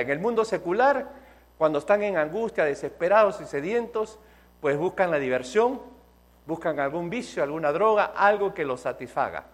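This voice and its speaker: Male pastor, sermon delivery, high voice, very animated pitch, emphatic. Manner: emphatic preaching, slows for key phrases.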